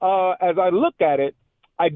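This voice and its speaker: A man's voice: high voice, moderate pace, dry recording. A man calling into a talk-radio show, heard over a muffled phone line, earnestly building his point with restarts. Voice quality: muffled, as if underwater. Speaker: radio call-in caller.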